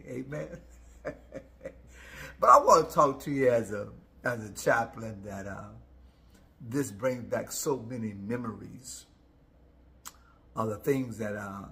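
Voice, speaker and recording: A man in his sixties speaking as a chaplain in a personal, reflective devotional talk, halting and heartfelt, with repeated words and long pauses. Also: mid-range voice, vocal fry, a bit bright. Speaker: chaplain, host. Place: indoor room, home studio.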